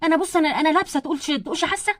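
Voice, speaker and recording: Brief: woman doing fretting mum doll, Egyptian accent, high rapid patter. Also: dry recording, clean studio sound, close to an everyday voice. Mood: flustered. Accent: Egyptian Arabic. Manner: flustered, piling up pious exclamations. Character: fretting motherly grandmother doll.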